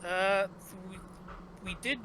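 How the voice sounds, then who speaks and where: Speaking slowly in a high voice, a young adult from Wales with a Welsh accent is guesting in an interview about his work as a game developer. He rambles casually, full of fillers and restarts, over a noisy background.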